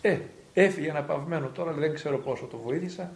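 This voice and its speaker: A man's voice: a little high, gravelly, a little hiss or hum. A man, a priest, earnestly recalling an elder in a documentary interview. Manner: earnest, reflective storytelling. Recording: roomy echo.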